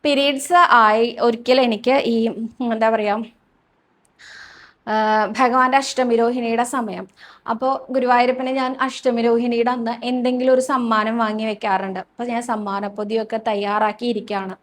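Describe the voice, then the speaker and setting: Woman, devotional talk host, gentle, reassuring, friendly, slightly high-pitched. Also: steady tone, normal speed. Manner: soft, reassuring, often ends sentences with a friendly tag; tells personal stories. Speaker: devotional host answering viewers' questions.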